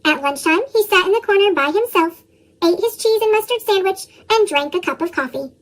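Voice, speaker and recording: A woman's voice: expressive, brisk. A woman reading children's storybooks aloud expressively, her voice shifted up with a chipmunk effect. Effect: chipmunk-style pitched-up voice. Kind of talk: expressive read-aloud narration.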